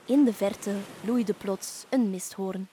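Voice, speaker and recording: A woman reading a children's story aloud in an expressive, lively way. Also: medium pitch, slow, heavy background noise. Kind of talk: scripted storybook narration.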